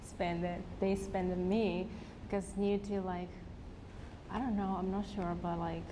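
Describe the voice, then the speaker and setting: A woman's voice: mid-range voice, flat delivery, a little slow. A nineteen-year-old woman from Japan whose first language is Japanese, answering hesitantly as she searches for words. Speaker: interviewee. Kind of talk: answering interview questions. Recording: clear background noise.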